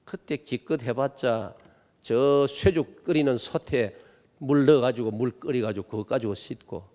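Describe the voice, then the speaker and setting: A man's voice: medium pitch, normal speed, warm tone. A man in his sixties from Gimhae with a Gyeongsang accent, preaching a revival sermon as a guest pastor and pressing the congregation with emphatic rhetorical questions. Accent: Gyeongsang Korean. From Gimhae, South Korea. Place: church sanctuary. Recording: long church hall reverb.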